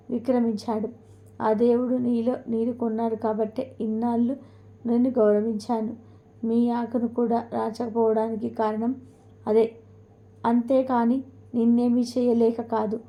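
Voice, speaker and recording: A woman's voice: fairly high pitch, flat delivery, a little slow, dull audio. A woman voicing a mighty, angry male wind god in a spoken storybook, in a threatening tone. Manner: threatening, indignant.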